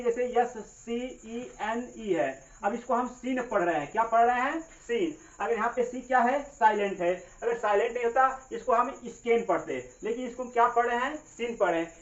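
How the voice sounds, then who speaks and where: A man's voice: very high voice, highs cut off. Man teaching in a distant, roomy classroom recording. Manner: asks the class questions and answers them himself; slow, repetitive spelling out of letters. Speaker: English grammar teacher. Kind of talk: classroom lesson. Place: coaching classroom.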